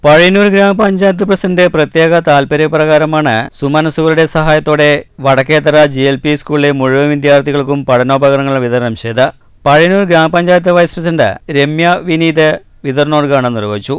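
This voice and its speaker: Smooth, dry-voiced male news reporter. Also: a little high, no room sound. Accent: Malayalam, Kerala. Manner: measured formal reading, drops at sign-offs. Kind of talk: scripted news voice-over.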